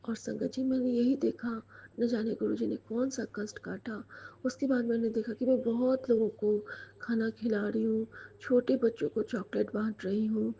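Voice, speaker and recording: A woman recounts her dream in a hushed, confiding way, slipping into whispers at times. Her voice is very husky and gravelly, pitched somewhat high. The recording is dull and lo-fi. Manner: hushed, intimate storytelling with fillers and soft whispered stretches. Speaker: devotee sharing a dream. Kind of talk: personal spiritual testimony.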